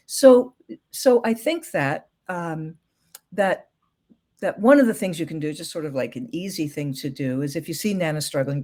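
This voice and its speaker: Gentle, thoughtful woman expert. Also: on the low side. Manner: gentle, thoughtful, many fillers. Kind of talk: casual interview chat.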